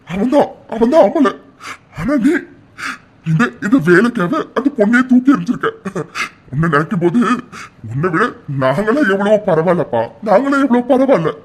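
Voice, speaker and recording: A man voicing a humble, uneducated middle-aged village uncle who is proud and loving, with a husky voice. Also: high voice. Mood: hurt, bitter. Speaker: uncle of the family. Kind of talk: cartoon voice acting.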